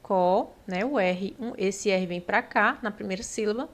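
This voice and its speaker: Patient Brazilian woman teaching syllables. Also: mid-range voice. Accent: Brazilian Portuguese. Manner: patient, drawn-out syllables, frequent "né?" and "ó". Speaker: Portuguese teacher for exam prep. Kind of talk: explanatory lesson.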